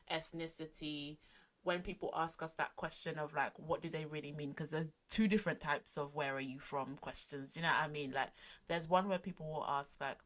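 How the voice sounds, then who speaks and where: A woman co-hosts a casual podcast chat, her voice sitting notably low. She talks loosely, laughs often and trails off into restarts. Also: pushed and bright. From London. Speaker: podcast co-host.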